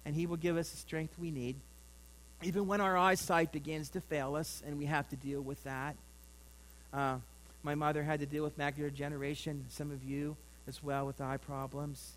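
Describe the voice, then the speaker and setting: A man's voice: fairly high pitch, little pitch movement, moderate pace, fairly bright tone, rough recording. A middle-aged man preaching a sermon in a folksy, rambling way, with asides to his congregation. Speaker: pastor.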